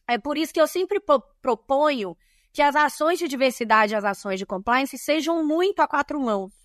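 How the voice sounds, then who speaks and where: A Bahian Brazilian Portuguese accent marks this woman, a podcast interview guest who emphatically teaches about diversity and compliance, enumerating points. She has a high-pitched voice with lively intonation and a moderate pace, in clean studio sound without echo.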